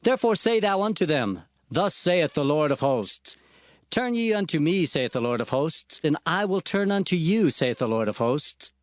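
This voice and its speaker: An actor playing an earnest prophet, recounting visions and warnings in a fervent, declamatory dramatized scripture narration. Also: male voice, on the high side, big pitch swings, normal speed, no echo, studio quality. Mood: stern, fervent.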